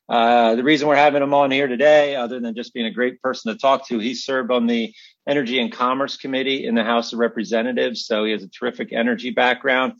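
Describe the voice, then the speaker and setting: A man's voice: mid-range voice, no echo, dull audio. A man co-hosting a podcast in a casual, conversational style. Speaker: podcast co-host.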